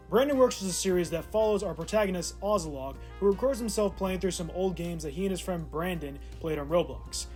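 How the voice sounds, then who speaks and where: A man with a high-pitched, slightly mellow voice hosts a video essay over background music. His commentary is casual, sarcastic and irreverent, blending scripted lines with offhand asides.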